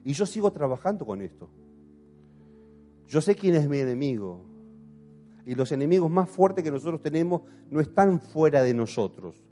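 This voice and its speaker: Impassioned Argentine pastor, mellow voice. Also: male voice, on the high side, sing-song, moderate pace, long pauses, soft background music. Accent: Argentine Spanish. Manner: impassioned, asks the congregation questions. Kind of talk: sermon.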